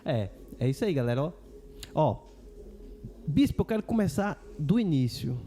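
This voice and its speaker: A man's voice: fairly high pitch, sing-song, normal speed, dark tone, slight background noise. A man hosting a podcast, talking in a loose, chatty, slangy way. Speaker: podcast host and voice-over artist.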